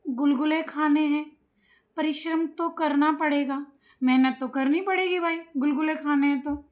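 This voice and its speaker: A woman's voice: high-pitched, steady tone, moderate pace, natural voice. A woman voicing an eager little boy who pleads in singsong rhymes. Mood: pleading. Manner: singsong rhyming pleas.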